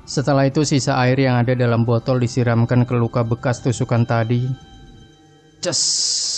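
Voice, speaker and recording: A man narrating a scripted horror story in a steady, even storytelling manner. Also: medium pitch. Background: faint background music.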